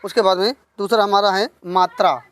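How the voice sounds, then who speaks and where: A woman teaching a lesson on poetics, slowly repeating key terms and asking questions that she then answers herself. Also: medium pitch, steady tone. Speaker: Hindi literature teacher. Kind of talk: online exam-prep lesson.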